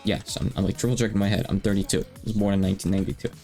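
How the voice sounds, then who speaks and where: A man's voice: on the low side, fairly even intonation, very fast, creaky, warm tone, faint music behind. A man in his thirties chatting casually on a livestream, rambling and self-deprecating with lots of fillers. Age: 30s. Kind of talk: casual stream chat.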